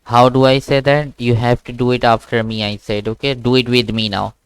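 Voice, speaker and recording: A male Quran teacher gives a one-on-one online lesson over a video call, his smooth, medium-pitched voice recorded dry and close with no echo but poor audio. Speaking in an even, steady tone, he patiently repeats sounds slowly so a young student can copy them.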